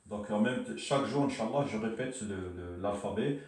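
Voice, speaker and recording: Man, low mellow voice, patient teacher, repeats syllables, echoey room, distant mic. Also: normal speed. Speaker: Arabic teacher. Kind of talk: slow spoken lesson at a board.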